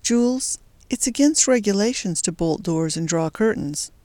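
A reader voicing an anxious young woman, hushed. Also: animated, moderate pace, no room sound, close to an everyday voice. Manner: low, hushed and hesitant. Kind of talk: audiobook character voice.

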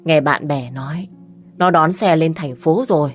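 A woman voicing a fretful country mother, loud and scolding. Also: deep voice, unhurried, soft background music. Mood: worried. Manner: anxious, scolding, complaining. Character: worried middle-aged village mother.

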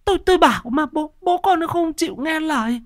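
A man's voice: very high-pitched, very animated, takes it slowly, a bit bright, no room sound, studio quality, voice pushed up, full character voice. A man voicing a terrified old village woman who stammers and wails her pleas in a storytelling piece.

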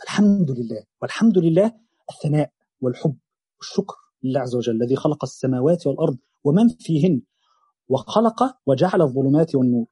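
A young man with an Egyptian Arabic accent giving a religious lesson on a chapter of the Quran, explaining quickly in colloquial speech and weaving in quoted verses. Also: mid-range voice, animated, mellow, breathy edge, no room sound. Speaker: Quran teacher.

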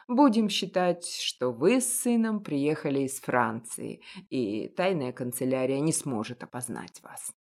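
A kindly old male confectioner, grumbling yet gentle, as a woman reader puts him on. The voice is pushed low, gruff and slow, coaxing and reassuring. An audiobook reading. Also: full character voice.

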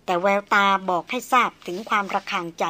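A woman narrating a novel audiobook in a measured, even storytelling manner. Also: mid-range voice.

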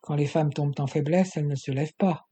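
A man's voice: fairly high pitch, fairly even intonation, quick pace, dark tone, breathy edge. A man reading an audiobook and voicing a surly bandit who mutters suspiciously to an accomplice. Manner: muttering grumble.

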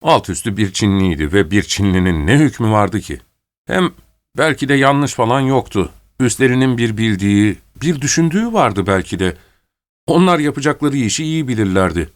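Man reading a story calmly. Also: medium pitch, normal speed, dry recording. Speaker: narrator.

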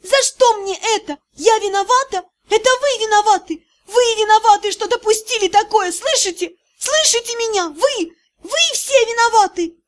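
Woman voicing a shrill hysterical teenage girl. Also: normal speed. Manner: shrill, screaming, shaky. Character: desperate proud sixteen-year-old girl, hysterical. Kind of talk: audiobook reading.

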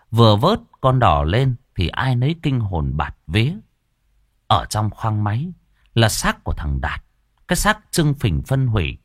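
A man's voice: fairly low pitch, dry recording, studio quality. A man narrating a ghost story in a dramatic, ominous manner.

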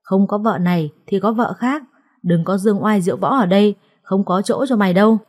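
Woman doing a loud contemptuous sister-in-law, nagging, warm voice, story read. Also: mid-range voice, a little fast, lightly acted. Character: sharp-tongued scolding woman, sister-in-law.

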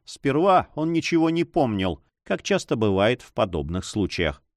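A man narrating an adventure novel in an expressive, dramatic reading. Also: mid-range voice, normal speed, no echo, studio quality. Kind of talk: audiobook reading.

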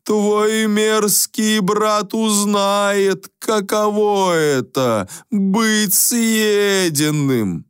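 A man voicing a huge, grim male lion who speaks in a slow, drawn-out moan. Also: high voice, smooth, no room sound, clean studio sound, pitched above the performer's own voice. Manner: slow, drawn-out moaning speech.

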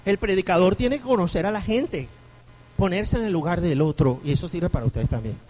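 Animated Venezuelan priest lecturing. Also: male voice, high voice, brisk, rough recording. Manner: animated storyteller, acts out quoted voices. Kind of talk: lecture to a parish group.

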